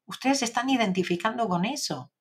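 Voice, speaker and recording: A woman's voice: on the high side, fairly quick, breathy edge. A woman with an Argentine accent, hosting a casual live-stream Q&A as a spiritual teacher and reassuring her viewers. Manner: reassuring, tags sentences with "¿ok?".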